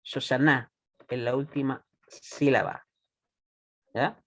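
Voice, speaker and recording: A man teaching a Hebrew class, patient and deliberate, often checking that students follow. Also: on the high side, lively intonation. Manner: patient, checks understanding with frequent "¿ya?"; slow and deliberate, repeats words for students. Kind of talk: classroom lesson.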